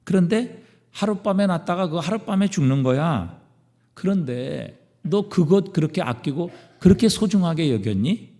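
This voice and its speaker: A man voicing God as a gentle father who reasons tenderly with his prophet, in a reverberant church. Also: a little high, animated, moderate pace, pitched above the performer's own voice. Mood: fatherly. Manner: tender, coaxing explanation.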